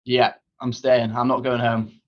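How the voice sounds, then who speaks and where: A man answers interview questions as a guest. His tone is very flat and matter-of-fact, and he often starts with an um. The audio is dull and lo-fi. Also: medium pitch, unhurried. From Wales. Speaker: nurse guest. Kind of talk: casual interview.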